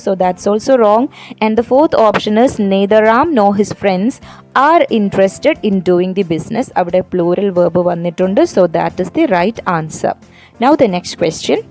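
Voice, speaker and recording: A woman teacher with a Malayali accent going through exam questions, reading English options slowly and explaining in quick asides. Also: medium pitch, a little mellow.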